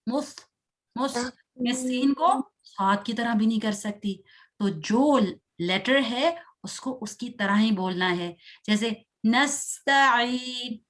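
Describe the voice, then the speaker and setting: A woman teaching children Quran recitation in an online class. She recites slowly, syllable by syllable, for pupils to repeat, and quizzes them between lines with praise. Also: fairly high pitch.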